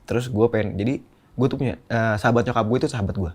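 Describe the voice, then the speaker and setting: A man's voice: medium pitch, fast talker, a little mellow. A young man, a podcast guest, telling a candid, emotional personal story in slangy casual speech.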